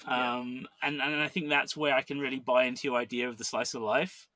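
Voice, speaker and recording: A man's voice: medium pitch, level tone, fairly quick, bright, forceful tone, dry recording. A man co-hosting a podcast, talking casually about a film with frequent restarts and fillers. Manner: rambling, many restarts and fillers. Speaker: podcast co-host.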